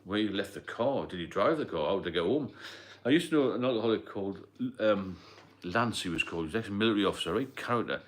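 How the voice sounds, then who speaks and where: A man's voice: fairly low pitch, lively intonation, fast, few pauses. A man hosting a casual livestream, plain-spoken and rambling, answering viewer comments as he goes. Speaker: livestream host. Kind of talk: casual live-stream chat.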